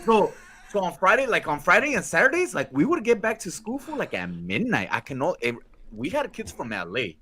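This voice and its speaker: A man's voice: sits high, huge pitch swings, a little fast, sharp tone. A man telling stories in casual podcast chat, slangy, swearing freely and laughing at himself. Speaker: podcast co-host.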